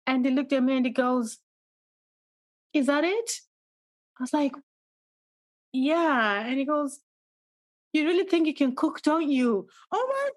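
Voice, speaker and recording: A woman's voice: high-pitched, unhurried, pauses often, no room sound, rough recording. Female guest, 40s, from Zimbabwe; chatty, laughing storyteller; dry close mic. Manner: laughing, storytelling, animated when quoting. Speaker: podcast guest. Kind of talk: casual interview chat.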